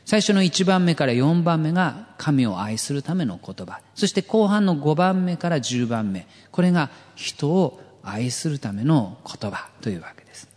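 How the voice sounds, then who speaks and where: A man preaching a sermon as pastor, earnest and gently humorous, often letting phrase ends drop to a whisper. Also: a little high, sing-song, moderate pace, few pauses, long reverb tail. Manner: light jokes for the congregation.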